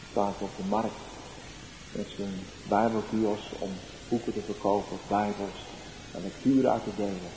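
A male evangelist, giving a sermon with personal testimony, going from soft storytelling to loud exclaiming. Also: fairly low pitch. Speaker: evangelist preacher. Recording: roomy echo, faint background noise.

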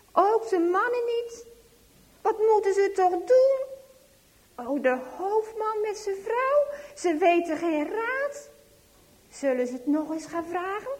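A woman telling a children's story dramatically, dropping into hushed whispers and then rising into emphatic exclamations. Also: very high voice, in a large hall.

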